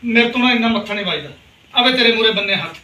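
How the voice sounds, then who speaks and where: A man's voice: sits high, racing, pushed and bright. An actor playing a middle-aged father in a village family drama, reproachful and lecturing as he pleads for his daughter. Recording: roomy, distant mic.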